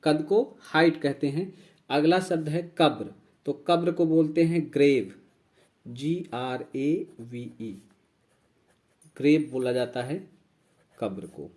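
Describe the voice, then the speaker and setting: Guy teaching english words, kinda high voice, repeats and spells everything. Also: a little mellow. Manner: slow, repeats each word and spells it out. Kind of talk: vocabulary lesson.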